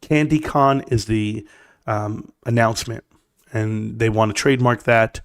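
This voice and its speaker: A middle-aged man with a scratchy, lowish voice delivers a blunt, emphatic, opinionated stock rant straight to his livestream chat. His tone stays steady and his pace measured, with vocal fry and a smooth quality. The studio recording is clean, with no room sound.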